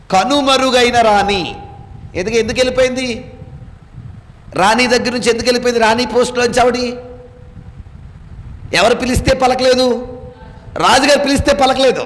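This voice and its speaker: A man with a high voice leads a congregation through scripture as their pastor. He keeps firing questions back at the room and waits for the answers. His voice rings out in a church hall with a long reverb. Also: fairly bright tone. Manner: quizzes listeners with call-and-response questions. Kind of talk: Bible-study sermon to a congregation.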